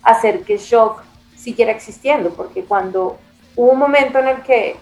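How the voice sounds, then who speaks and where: A woman from Bogotá with a Colombian capital accent, an editor at a music and culture magazine, speaks as an interview guest in a casual, reflective and emphatic way, repeating phrases for stress. Her voice is on the high side with a darkish tone and a moderate pace, over soft background music in a low-quality recording.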